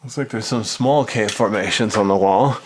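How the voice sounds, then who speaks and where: A man's voice: on the low side, normal speed, a little hiss or hum. A man giving casual, unscripted vlog narration as he explores inside a cave, recorded on an action camera. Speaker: cave explorer filming his trip. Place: inside a cave, lava tube. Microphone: action camera mic.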